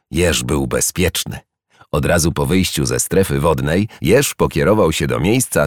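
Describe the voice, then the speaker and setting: A man with a very deep voice reads a children's story aloud, his pitch rising and falling expressively. The recording is dry and close, with no room sound. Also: no room sound. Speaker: narrator.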